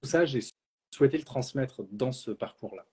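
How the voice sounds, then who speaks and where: In a live Q&A, a man who works as a naturopath and trainer speaks bluntly and outspokenly, often hesitating. His mid-range voice moves at a moderate pace and carries a breathy edge.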